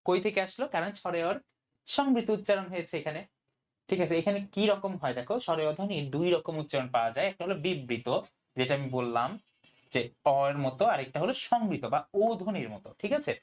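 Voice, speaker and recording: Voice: medium pitch, animated, quick pace. Tutor, online grammar lecture, frequent "okay?" checks, English words mixed in. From Bangladesh. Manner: keeps asking "okay?", mixes in English words. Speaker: admission test tutor.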